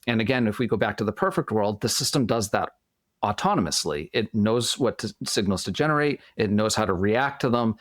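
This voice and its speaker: A man's voice: lowish voice, lively intonation, fairly quick, dry recording, studio quality. A man with a Boston accent explaining his views as an interview guest, often posing questions and answering them himself. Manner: poses and answers own questions. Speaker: podcast guest.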